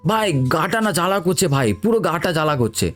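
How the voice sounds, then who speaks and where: A man's voice: sits high, big pitch swings, fast, fairly bright tone, faint music behind. A man voicing his frightened young male friend in a spoken ghost story, pleading and frantic. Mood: irritated.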